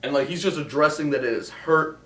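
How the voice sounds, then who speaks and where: A man's voice: a little high, a little fast, fairly bright tone. Young guy, movie chat host, loose and profane; roomy sound, mic at a distance.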